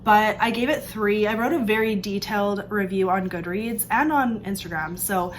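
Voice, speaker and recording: At medium pitch and normal speed, this young book vlogger sounds slightly stuffed-up from allergies as she casually reviews books she's read, chatty and upbeat with frequent "like" and "um." Her sliding door is open, letting in faint birds, planes and slight background noise.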